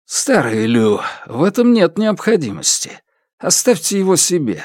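A man reading an audiobook, voicing a smooth, conciliatory male aide in a raised voice. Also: high-pitched, very animated, unhurried, a little mellow, no echo, studio quality, pitched above the performer's own voice. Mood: placating. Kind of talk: audiobook character voice.

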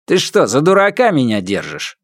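A man's voice: medium pitch, huge pitch swings, moderate pace, husky, no room sound, studio quality, pitched above the performer's own voice, heavily acted. A man doing a vengeful, taunting hostage-taker. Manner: barking, taunting, menacing.

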